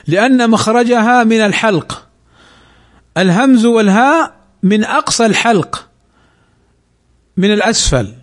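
A man teaching Quran recitation rules, asking questions and slowly drawing out recited examples. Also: high voice, animated. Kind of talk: slow Tajweed lesson.

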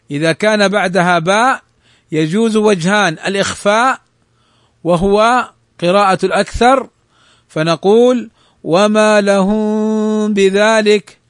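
A man teaching the rules of Quran recitation, explaining a text and slowly reciting examples to show each rule. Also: high voice, no echo, studio quality. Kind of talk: tajweed lesson explaining a text.

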